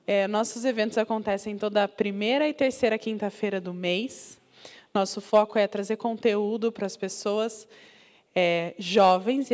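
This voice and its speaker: A woman on the event team opens the evening with short, welcoming announcements and introduces the speaker. Her voice sits at an ordinary middle pitch. A long reverb hangs in the room around her. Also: darkish tone. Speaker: event host.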